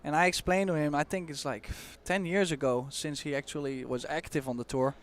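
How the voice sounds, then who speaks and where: A man giving expert analysis on a pool match as co-commentator, explaining shots in a measured way with casual fillers. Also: a little high, steady tone, a little hiss or hum. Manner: explanatory, measured, uses fillers like "you know".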